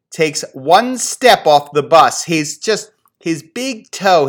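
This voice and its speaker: Rambling storytelling man from Philadelphia. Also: fairly high pitch. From Philadelphia area. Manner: rambling, self-deprecating, animated when quoting friends. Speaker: podcast host. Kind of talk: casual storytelling monologue.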